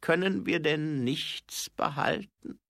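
A man voicing an old dwarf king who speaks slowly, high and loud, drawing out his words. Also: vocal fry, no room sound, studio quality, heavily acted. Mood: probing, weary. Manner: slow, high and loud, drawn-out.

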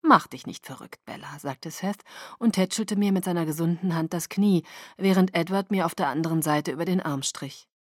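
A woman reading a first-person novel aloud in an expressive audiobook narration. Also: fairly low pitch, moderate pace, no echo, clean studio sound.

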